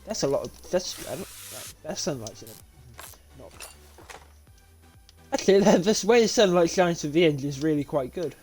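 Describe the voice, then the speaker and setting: His voice sits a little high, with a darkish, slightly rough tone, and he delivers it at normal speed with animation. This sleepy, yawning young British man chats aimlessly to himself while live-playing a car repair game, restarting and laughing a lot, with faint music behind his desk mic and webcam.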